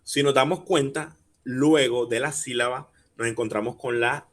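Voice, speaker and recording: A man teaching a workshop over a video call. He patiently explains step by step, asks the audience questions and slowly spells out syllables. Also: medium pitch, steady tone. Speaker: workshop speaker teaching rhyme. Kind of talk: online workshop lecture.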